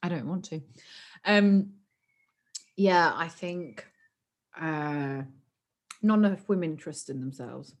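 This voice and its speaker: A woman's voice: low-pitched, slow, long pauses. A young woman co-hosting a podcast, chatting openly and emotionally, laughing often. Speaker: podcast co-host. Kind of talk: casual chat.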